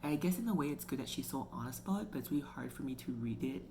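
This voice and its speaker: Racing along in a very deep, animated voice, this Canadian woman hosts her own book review channel. She's casual and talkative, full of "like" and "you know," with noticeable background noise in the recording.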